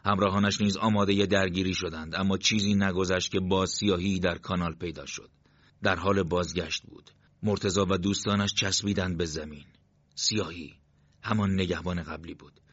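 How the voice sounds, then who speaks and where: A man with a fairly low voice reads a story in a steady, measured narration. The recording is dull and lo-fi, with a dry, close sound. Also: dry recording. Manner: steady, measured literary reading. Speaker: audiobook narrator. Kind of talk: scripted narration.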